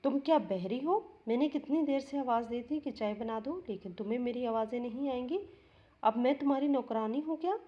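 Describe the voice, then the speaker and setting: A woman's voice: medium pitch, steady tone, normal speed, hardly any pauses, highs cut off, natural voice. A woman voicing a cruel sister-in-law who scolds harshly in a spoken story. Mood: angry.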